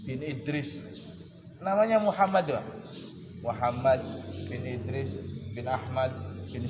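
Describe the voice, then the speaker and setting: A man teaching a casual weekly religious study session, joking and teasing his listeners and clearing his throat often. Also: medium pitch, background noise. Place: boarding school study hall. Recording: echoey hall with clear birdsong and ambience.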